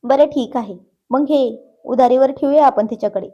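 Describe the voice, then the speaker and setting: A woman voicing a confident young man who teases in a calm, playful way in a storybook reading. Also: high-pitched, normal speed, highs cut off. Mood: teasing.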